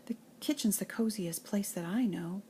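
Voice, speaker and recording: At a moderate pace and in a mid-range voice, an older woman, a grandmother, recites nursery rhymes and children's poems with playful, expressive sing-song. A little hiss or hum can be heard in the recording.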